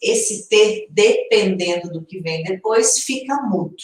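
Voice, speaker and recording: A Brazilian woman teaching English in a live online lesson, explaining slowly and checking in with her viewers. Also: medium pitch, very echoey, recorded from a distance, rough recording. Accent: Brazilian Portuguese.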